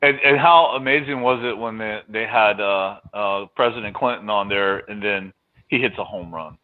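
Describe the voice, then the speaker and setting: A man who talks haltingly with frequent restarts during a casual video call chat. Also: lowish voice. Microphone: video call microphone. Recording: tinny phone-like call audio.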